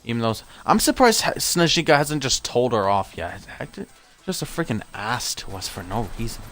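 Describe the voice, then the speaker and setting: A young man streaming a game from a room at home gives rambling, casual commentary, chatty and forever correcting himself. His medium-pitched voice is sing-song and fairly bright at a moderate pace, worn out from a long session, with soft music in the background.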